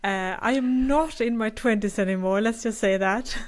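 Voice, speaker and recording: A Swedish woman in her fifties, speaking with a Swedish accent, co-hosts a casual podcast chat. She's chatty and self-deprecating, laughing often, in a slightly high voice at normal speed.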